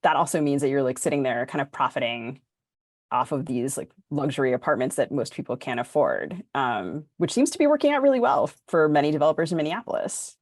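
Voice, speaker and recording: This American podcast co-host has a rumbling low voice and talks animated and fairly quick, rambling casually as she thinks out loud with her panel. There's no room sound, just clean studio audio.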